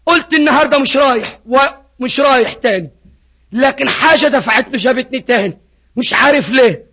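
A preacher with an Egyptian Arabic accent giving a passionate evangelistic sermon, alternating between loud appeals and hushed words. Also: male voice, extremely high pitch, brisk. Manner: passionate, retells dialogues, swings from loud to hushed. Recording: muffled lo-fi recording.

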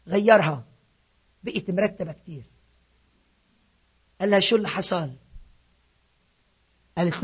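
A man preaching a sermon, swinging from hushed asides to shouted appeals. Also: sits high, husky. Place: church in Sydney. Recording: dull lo-fi recording.

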